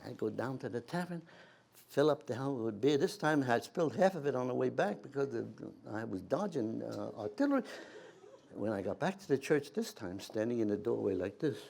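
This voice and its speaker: An elderly American man, in his eighties or older, reminiscing as an old war veteran in animated anecdotes, with halting restarts and acted-out dialogue. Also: medium pitch, creaky. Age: 80s or older.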